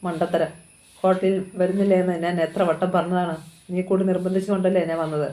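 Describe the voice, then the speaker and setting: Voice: medium pitch, little pitch movement, fast talker, mellow, close to an everyday voice. A narrator voicing a desperate, proud young man from a poor family in a storybook thriller reading. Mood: bitter. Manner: pleading, emotional.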